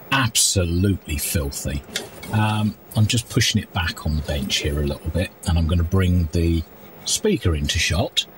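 This deep-voiced, middle-aged man presents a radio repair video against a noisy background. Speaking from a small, cluttered indoor workshop, he offers candid, casual hands-on remarks.

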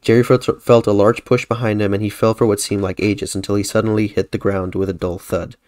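Man reading a horror story, low voice. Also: level tone, fairly quick, darkish tone. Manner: casual, self-correcting reading. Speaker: podcast host.

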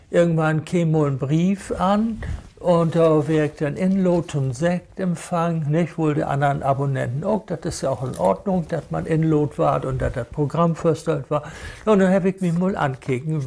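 A man with a Hamburg Low German accent, talking in a casual, rambling monologue and sounding indignant. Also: gravelly, dark tone. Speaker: vlogger.

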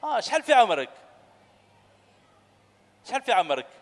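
This man sounds high-pitched and brisk, with a little hiss or hum on the audio. In his thirties and speaking with an Algerian Arabic accent, he runs a lively on-stage quiz for a children's show, animatedly coaxing answers through a handheld mic. The echoing sports hall is full of children, and the crowd is loud.

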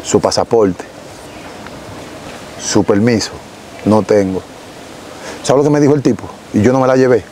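A young Dominican man with a Dominican Spanish accent, telling his story as an interview guest in an animated, casual way, recorded outdoors on a lapel mic. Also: medium pitch, a little hiss or hum, low-quality recording. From Dominican Republic. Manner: animated, gesturing, frequent self-corrections. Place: outdoors in a rural yard.

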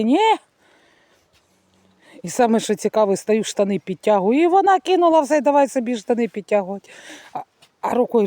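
Middle-aged woman, casual family vlogger, outdoors in a village, mid-pitched, homely chatter. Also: mellow. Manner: chatty, homely, shows things to camera. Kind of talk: casual vlog narration.

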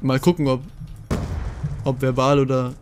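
A young man giving live gameplay commentary as a gaming video host, excitable and swinging from mutters to shouts. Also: mid-range voice, moderate pace, noisy background.

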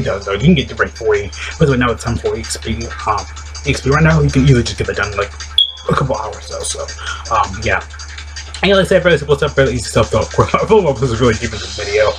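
A young man who makes mobile game content offers casual tips from a small room on webcam, his voice a bit deep and strained today. He's upbeat but rambling and repetitive in his guide commentary, with background music playing throughout.

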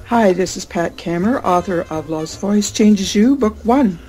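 A woman's voice: mid-range voice, expressive, a little slow, warm tone. A woman speaking a recorded promo for her book on a radio station. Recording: promo with music bed.

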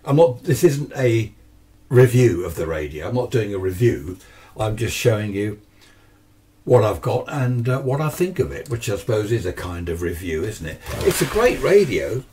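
Very animated and fairly low-pitched, this man's dark-toned voice moves at a moderate pace under a little hiss or hum. He's an older amateur radio hobbyist, 60s or 70s, with a southern English accent, presenting a video in his cluttered home radio workshop. His unscripted demonstration is casual chat that rambles with asides and questions to himself.

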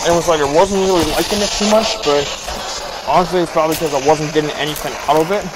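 A young man talks casually into a camera held close as he walks through woods and ruins. His voice sits a little high, and he rambles along with many fillers. Loud static hiss runs under everything he says. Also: steady tone, fast talker. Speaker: paranormal explorer vlogger. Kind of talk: casual walking vlog narration. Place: outdoors in woods and abandoned buildings. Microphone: action camera held or worn close. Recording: loud background noise from a device. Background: constant static hiss from a spirit box.

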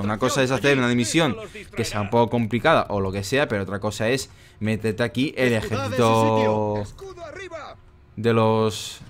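A young man with an accent from Spain commentating his game, ranting in exasperation and swearing often. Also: fairly low pitch. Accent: Spanish from Spain. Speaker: gaming YouTuber. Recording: game sound and music behind.

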